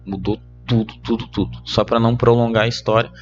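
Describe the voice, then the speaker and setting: A young man with a Brazilian Portuguese accent, a podcast guest telling a personal story in casual chat, animated and laughing between lines. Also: medium pitch, brisk, muffled recording, music in the background. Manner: animated, laughs mid-story, many fillers.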